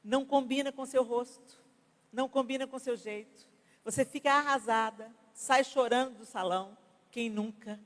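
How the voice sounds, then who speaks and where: Animated Brazilian woman pastor preaching. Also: a little high, normal speed. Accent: Brazilian Portuguese. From Brazil (Belo Horizonte). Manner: animated, conversational preaching with acted examples. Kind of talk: conference sermon. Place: large church conference hall. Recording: reverberant church hall.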